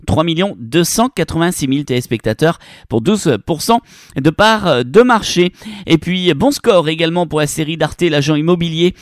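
Male TV host, slightly high voice, dry close sound, brisk delivery of figures with filler sounds. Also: no echo. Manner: brisk reading of figures, frequent "euh" fillers. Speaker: TV show host. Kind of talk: read news rundown and studio interview.

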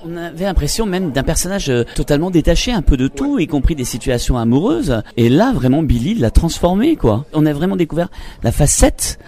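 A man's voice: on the high side, sing-song, a little fast, mellow. A man hosting a chatty broadcast interview in an effusive, complimentary manner. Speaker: interview host.

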